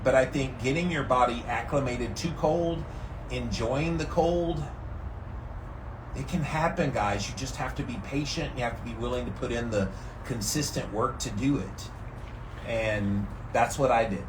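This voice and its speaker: A man's voice: mid-range voice, a little slow. A man giving casual, folksy, encouraging talk to viewers as he vlogs in or fresh out of ice-cold water. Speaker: vlogger doing a daily ice bath challenge. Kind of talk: casual motivational talk to camera. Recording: clear background noise, outdoor machinery sounds.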